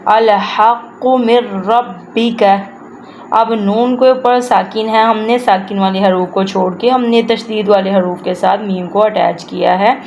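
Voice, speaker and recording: A woman leads a Quran recitation lesson in a middle-pitched voice. She draws each phrase out slowly and repeats it, then explains the rules in a plain, patient way. A faint hiss of background noise sits under her voice. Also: steady tone, vocal fry, a little mellow. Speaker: Quran teacher.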